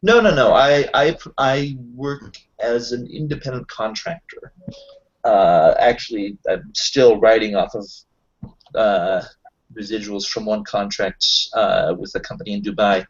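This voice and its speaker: Dull audio carries a mid-range voice with a breathy edge and a measured pace. The speaker is a roleplay player voicing Kyle, an affable self-employed tech contractor, improvising casual talk and explaining things hesitantly and ramblingly.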